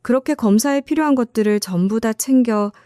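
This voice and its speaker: Mellow-voiced older woman narrating her story. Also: on the high side, fairly quick, no room sound, studio quality. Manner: plain first-person recounting, sharp when scolding.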